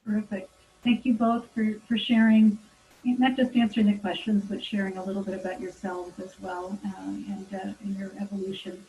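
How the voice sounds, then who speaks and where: A woman's voice: mid-range voice, flat delivery, normal speed, warm tone, muffled recording, a little hiss or hum. A woman moderating a candidate forum over a video call, polite, with hesitant fillers. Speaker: host and moderator.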